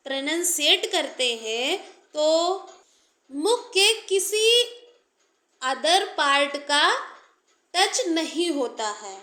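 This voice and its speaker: A woman's voice: sits high, bright, forceful tone, reverberant. A woman teaching an English grammar lesson in Hindi and English, explaining step by step while she writes.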